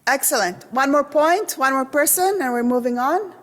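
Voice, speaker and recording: In a reverberant synagogue hall, a guest lecturer with a Russian and Israeli accent gives a conversational, interactive talk to the congregation, asking them questions. Her voice is high-pitched and a bit bright, with lively intonation and a moderate pace.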